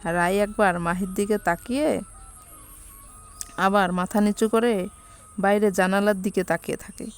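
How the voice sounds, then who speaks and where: A woman narrating a romance story in a steady, plain reading voice. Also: medium pitch, a little slow, long pauses, clear, resonant tone, faint music behind.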